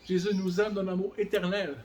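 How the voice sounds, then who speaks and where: High-voiced man preaching fervently. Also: flat delivery, brisk, a little mellow, slight background noise. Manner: fervent preaching, exhorting the listener directly. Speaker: pastor. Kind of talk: sermon. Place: church room, alone, filming himself. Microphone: camera on a stand.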